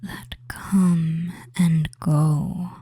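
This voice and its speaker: An audio roleplay performer whispers a slow guided trance as a seductive witch hypnotist, both soothing and commanding. The breathy, mellow voice sits at medium pitch with a level tone. Short phrases are drawn out very slowly with long pauses, coaxing one moment and commanding the next.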